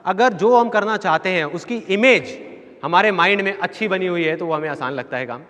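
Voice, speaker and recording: A male motivational speaker giving a seminar in a large hall. He tells anecdotes and acts out the voices in them. His voice sits fairly high, and long hall reverb follows it. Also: fairly quick, a bit bright. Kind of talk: seminar talk with acted-out anecdotes. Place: large hall with a live audience.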